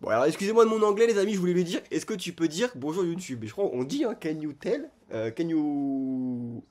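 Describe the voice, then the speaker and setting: A man streaming online casino games, chatting straight to his viewers in an excitable, casual way. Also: a little high, brisk. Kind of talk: casual gambling commentary.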